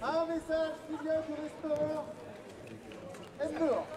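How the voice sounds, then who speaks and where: Very high-pitched male town crier, declaiming outdoors. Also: flat delivery, slow pace. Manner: declaimed, projected public crying. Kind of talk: town crier proclamation, reading out messages and announcements to a street crowd. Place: outdoors in an urban street. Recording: outdoor street recording with crowd. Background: crowd and street sounds.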